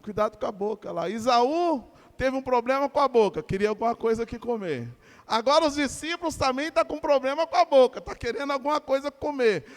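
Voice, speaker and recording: A man's voice: extremely high pitch, fairly quick, big-room sound. A Brazilian man preaching a sermon to his congregation, asking them questions and urging them to answer back. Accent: Brazilian Portuguese. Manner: animated preaching with call-and-response to congregation. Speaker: pastor. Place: church.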